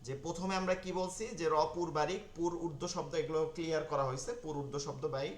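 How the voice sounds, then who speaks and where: A man teaching an online Quran reading lesson, repeating key terms slowly and checking that his learners follow. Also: on the high side, roomy sound.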